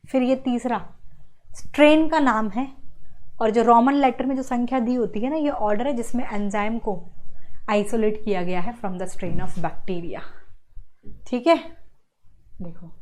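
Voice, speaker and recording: A woman teaching biology for an exam-prep course, mixing in English and repeating key lines slowly for her students. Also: a little high. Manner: addresses students as beta. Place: classroom studio at a screen.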